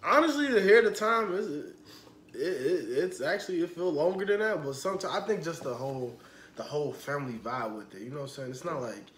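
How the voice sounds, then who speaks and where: Young dude, slangy and hyped, bright voice, faint noise in a roomy space. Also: male voice, a little high, a little fast. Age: young adult. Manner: slangy, excitable, interjects with yo. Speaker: co-host, son. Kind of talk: casual chat. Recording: echoey room with faint background noise.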